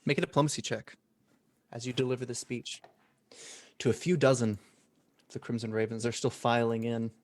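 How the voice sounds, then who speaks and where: A man narrating as game master of a tabletop game, relaxed and descriptive with frequent pauses. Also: mid-range voice.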